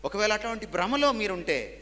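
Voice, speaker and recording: A man preaching a sermon, swinging between loud emphatic peaks and low quiet drops, and mixing English lines into his preaching. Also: sing-song, a little fast. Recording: long hall reverb.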